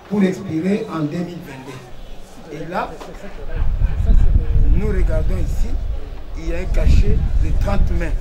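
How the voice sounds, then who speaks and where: Methodical man at a crowded hearing. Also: fairly high pitch. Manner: methodical, hesitant, restates dates. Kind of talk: courtroom hearing. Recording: echoey room from far off.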